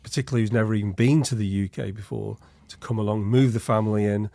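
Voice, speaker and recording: A man talking in a relaxed business conversation, measured and reflective, often saying "you know". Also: on the low side, gravelly, dry recording. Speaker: business advisor in a review chat. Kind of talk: casual conversational chat.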